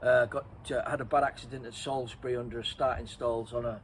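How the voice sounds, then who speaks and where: A middle-aged man talks at an ordinary pitch, spinning a long personal story in a loose, rambling way. He keeps restarting and correcting himself as he goes. A faint ambient hiss sits underneath. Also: little pitch movement, fast, rough recording. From Redcar, North East England. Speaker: interviewee and co-host. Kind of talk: casual storytelling chat.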